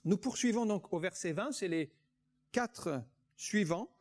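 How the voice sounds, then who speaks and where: A man delivers a sermon in a notably high voice. He reads scripture aloud and preaches with emphasis, drawing out the words he wants to land. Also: lively intonation, unhurried. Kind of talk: sermon with Bible reading.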